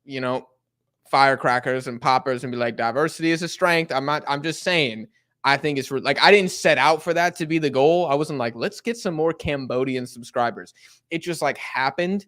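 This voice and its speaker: Chat gets read aloud as a young man streams a casual football watch-along, his talk slangy, rambling and full of fillers, punctuated by abrupt excited outbursts. Medium pitch, normal speed.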